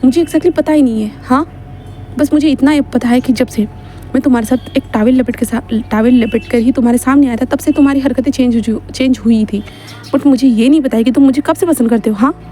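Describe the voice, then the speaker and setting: A woman's voice: high voice, brisk, mellow, lightly acted. A woman voicing a playful, stubborn young male student who often stammers in his replies. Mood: pestering.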